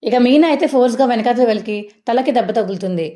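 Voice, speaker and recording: A woman's voice: a little high, lively intonation, warm tone. A woman casually retelling a TV serial episode, acting out the dialogue as she goes. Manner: rapid, acts out dialogue. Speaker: storyteller.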